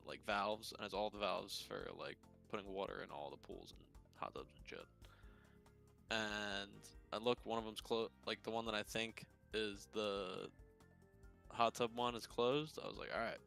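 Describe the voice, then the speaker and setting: A man's voice: fairly low pitch, moderate pace, creaky, a bit bright, soft background music. A young man co-hosting a podcast, telling a work story in a casual, rambling way and laughing at himself. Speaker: podcast co-host.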